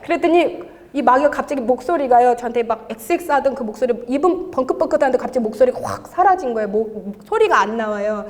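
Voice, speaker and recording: A woman who leads intercessory prayer tells an animated testimony at a church service, often laughing as she talks. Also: fairly high pitch, quick pace, few pauses. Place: church sanctuary. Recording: long reverb of a large church hall.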